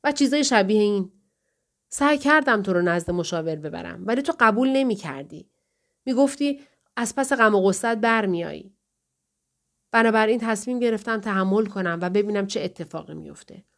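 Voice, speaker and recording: Audiobook: a woman reads an earnest, pleading husband, mid pitch. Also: lively intonation, vocal fry. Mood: explaining. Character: distressed man pleading with his wife. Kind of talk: audiobook dialogue reading.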